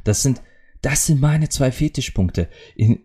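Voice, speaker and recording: A man's voice: mid-range voice, animated, a little slow, mellow, breathy edge. A man hosting a podcast, speaking in an intimate, musing monologue that circles back and repeats its phrases. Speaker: podcast host. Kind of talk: reflective monologue.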